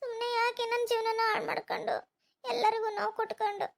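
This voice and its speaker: A woman's voice: extremely high pitch, flat delivery, fast talker, creaky. A woman voicing an anxious young cartoon woman who is about to be married, talking to herself in a worried monologue. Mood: anxious, fretting. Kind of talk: cartoon voice acting.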